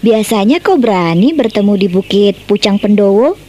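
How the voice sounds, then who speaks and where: A woman's voice: medium pitch, lively intonation, normal speed, mellow, a little hiss or hum, lightly acted. An actress playing a playful young village girl who teases her friend in a radio drama. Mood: teasing. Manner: playful, teasing.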